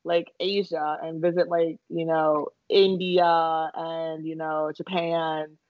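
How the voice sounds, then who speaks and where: Sitting low and keeping a level tone, a young adult woman co-hosts a podcast and takes her time speaking. She chats casually, giggling and swearing freely, in a dull lo-fi recording with no echo.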